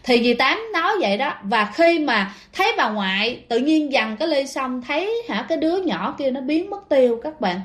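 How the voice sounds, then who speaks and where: A woman's voice: sits high, big pitch swings, moderate pace, hardly any pauses, fairly bright tone. A woman narrating a ghost story in a casual, chatty way, talking straight to her listeners with plenty of fillers. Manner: chatty, addresses listeners directly, many fillers.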